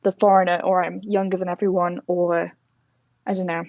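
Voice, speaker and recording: A woman's voice: fairly low pitch, flat delivery, moderate pace, no room sound, phone-quality sound. Posh Englishwoman with northern short A's. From Durham, northern England. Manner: chatty, reflective. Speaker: interview guest, Oxford student. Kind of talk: casual conversation.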